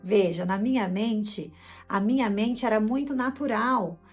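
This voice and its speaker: A woman's voice: mid-range voice, measured pace, husky, soft background music. A middle-aged Brazilian woman with a Brazilian Portuguese accent, giving an emotional personal testimony and acting out her own past words as she tells it.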